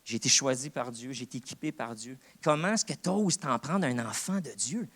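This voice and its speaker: A man's voice: mid-range voice, animated, a little fast, fairly bright tone. A man with a Québécois French accent, preaching a sermon as co-pastor in an earnest, conversational way. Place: church.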